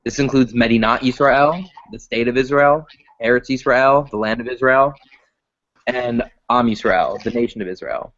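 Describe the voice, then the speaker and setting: A man's voice: medium pitch, normal speed, a bit bright. A teenage boy hosting an online video call, reading his prompts with fillers. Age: teens. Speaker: host. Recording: dull lo-fi call audio.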